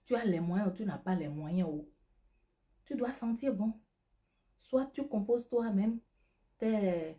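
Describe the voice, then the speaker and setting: A woman with a medium-pitched, mellow voice, whose first language isn't French, talks directly to camera as a beauty vlogger selling skincare products. She gives emphatic, preachy beauty and self-care advice, addressing the viewer as tu and repeating key points.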